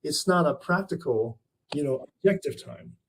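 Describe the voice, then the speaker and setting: Being interviewed about his art, a Canadian man speaks at normal speed in an animated, slightly high voice, captured in a rough recording. The conversation finds him thoughtful and reflective, frequently filling pauses and restarting.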